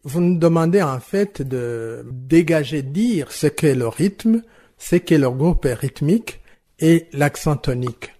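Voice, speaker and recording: A man explaining French rhythm and stress to teachers in a slow, measured, didactic way, answering interview questions. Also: a little high, animated, mellow. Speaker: language teaching expert.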